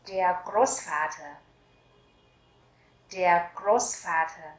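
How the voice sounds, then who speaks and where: A woman teaching vocabulary, repeating each word slowly and carefully. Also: on the low side, echoey room, poor audio. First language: Vietnamese. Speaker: German language teacher. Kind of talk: vocabulary lesson with slow repetition.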